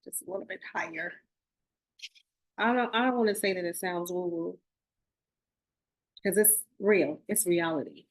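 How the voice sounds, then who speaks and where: A woman's voice: lowish voice, unhurried, long pauses. A woman in her forties hosting a spiritual podcast, talking earnestly to her listeners and often restarting and correcting herself. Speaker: podcast host. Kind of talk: casual spiritual talk.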